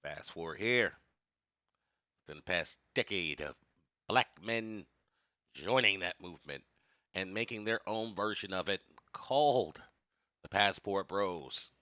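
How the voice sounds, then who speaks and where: An American man delivering a booming, motivational, preacher-like commentary, emphatic and repeating phrases for effect. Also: unhurried, pauses often, no echo. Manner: emphatic, repeats phrases for effect, swings from low asides to shouted outbursts. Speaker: online video commentator.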